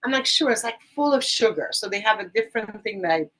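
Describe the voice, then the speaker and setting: An Iranian woman with a Persian accent, appearing as a guest on a podcast interview, talks enthusiastically about volunteer teaching. Her mid-range voice is expressive, brisk and fairly bright, and she rambles and restarts as she speaks.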